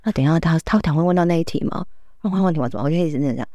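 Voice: medium pitch, rapid-fire, no room sound, studio quality. Chatty Taiwanese Mandarin podcast storyteller. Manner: animated storyteller, laughs often, many "then" restarts; quotes others in acted voices. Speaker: podcast co-host. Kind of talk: casual storytelling chat.

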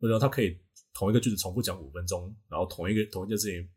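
Lower-pitched, husky Taiwanese man talking casually. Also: racing, darkish tone. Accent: Taiwanese Mandarin. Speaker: podcast host and English pronunciation teacher. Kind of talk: casual podcast discussion.

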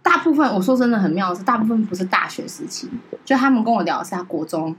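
A woman co-host with a mid-pitched voice speaks quickly in in a casual podcast chat. She is a teacher who talks emphatically and often cuts in with high-pitched exclamations. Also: animated.

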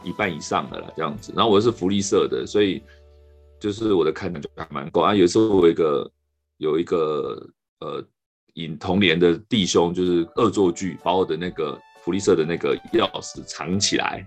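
A man with a Taiwanese Mandarin accent hosting a podcast, telling a rambling, animated story in casual chat. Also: low-pitched, fairly quick, soft background music. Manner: rambling, animated anecdote with restarts. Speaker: podcast host.

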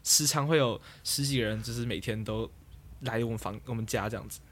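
A young man talks fast in a casual podcast chat. He rambles through his story, trails off and picks it back up. His pitch sits in the middle range. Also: crowd noise. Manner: rambling storyteller, trails off and restarts, laughs at own jokes. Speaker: podcast co-host.

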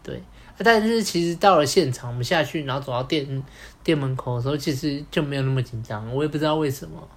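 Speaking quickly in a slightly high voice, a young podcast co-host with a Taiwanese Mandarin accent wanders through a personal story in casual chat. He leans on plenty of filler words.

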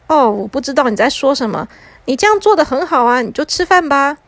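A woman's voice: high voice, very animated, fairly bright tone, no echo, heavily acted. A woman voicing a patient mother who coaxes her child to eat. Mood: coaxing. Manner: brisk, coaxing.

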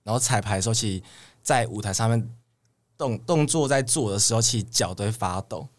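Appearing as an interview guest, this young idol trainee tells stories casually. His voice is fairly low and brisk, carrying a Taiwanese Mandarin accent.

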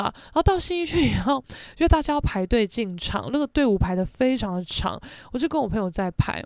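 A woman with a Taiwanese Mandarin accent hosting a podcast, telling a personal story in a brash, sassy way that bursts into loud indignant rants. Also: mid-range voice, dry recording, clean studio sound. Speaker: podcast host. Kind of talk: casual storytelling monologue.

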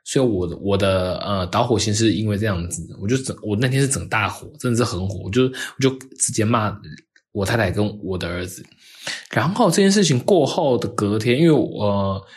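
Husky guy with a lowish voice rambling through a story on a casual podcast, lots of restarts. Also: expressive, brisk. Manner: rambling, many restarts and fillers. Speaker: podcast co-host.

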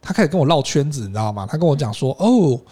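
A man's voice: mid-range voice, racing. A man with a Taiwanese Mandarin accent co-hosting a casual chat and telling stories animatedly, often tagging on questions. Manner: animated storytelling with frequent tag questions. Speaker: podcast co-host.

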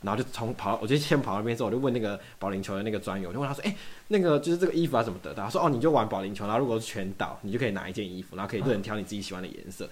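Fast-talking young man telling a story. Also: on the low side. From Taiwan. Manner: fast animated storytelling, acting out both sides of dialogues. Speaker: podcast guest. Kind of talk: casual storytelling chat.

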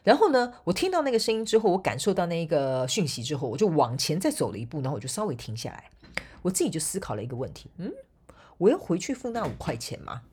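This woman from Taiwan, speaking with a Taiwanese Mandarin accent, is a podcast host and motivational speaker telling a story on her solo show. Her deep, husky voice is a little mellow and sing-song, and she talks fast in a chatty way, laughing often and groping for words.

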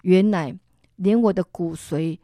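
A woman from Singapore tells her personal story as an interview guest, voicing the people in it as she goes. Her delivery is lively and full of feeling, with frequent laughter. The recording is close and dry, with no room sound. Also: fairly low pitch, unhurried, no room sound. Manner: animated storyteller who acts out other people's lines; expressive, laughs while telling. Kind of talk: telling a personal faith testimony.

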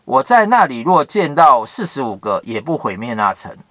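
A man voicing a solemn divine judge who speaks in a measured way, read from a Bible story. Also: medium pitch, sing-song, pushed and bright, no room sound. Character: solemn divine male voice of judgment.

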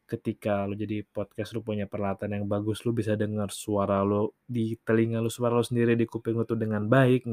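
A man's voice: mid-range voice, darkish tone, no room sound, clean studio sound. A man hosting a casual solo podcast, talking in loose slang and acting out short everyday dialogues. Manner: casual slangy Jakarta talk, acts out little dialogues. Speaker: podcast host.

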